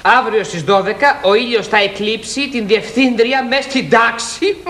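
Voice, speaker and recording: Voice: mid-range voice, background noise, natural voice. A performer playing a polite, bewildered male children's journalist in a 1980s children's TV show. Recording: roomy old TV recording with faint music.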